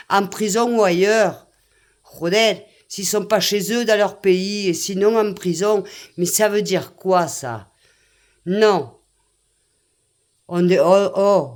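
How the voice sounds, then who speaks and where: An older woman, ranting indignantly to her viewers, full of exclamations and repeated phrases. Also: mid-range voice. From France. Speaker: vlogger. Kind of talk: angry rant to camera.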